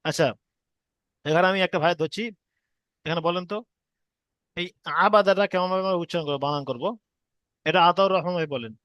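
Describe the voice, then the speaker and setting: A man's voice: sits high, a bit bright, clear, resonant tone, no room sound. A man teaching a reading class, spelling out sounds syllable by syllable in a patient, repetitive way. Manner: slow syllable-by-syllable spelling drills; patient, repeats each sound. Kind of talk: online reading lesson.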